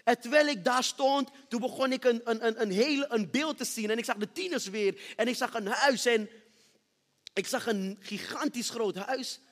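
A man preaching a sermon testimony on a church stage, moving from hushed storytelling to loud, shouted praise. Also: very high-pitched, normal speed. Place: church stage with reverberant hall. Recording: long hall reverb.

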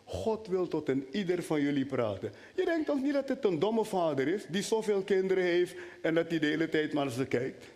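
A male preacher delivers an animated sermon and keeps turning to speak directly to the people in front of him. His voice sits high for a man. The sound rings with the long reverb of a church hall. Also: brisk, few pauses. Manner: animated, talks directly to the congregation.

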